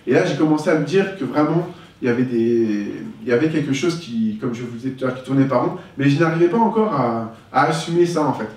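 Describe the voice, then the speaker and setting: A man's voice: mid-range voice, animated, quick pace, darkish tone. A man giving a candid, reflective talk about his own life, telling it as a personal testimony. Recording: echoey room, voice from far off.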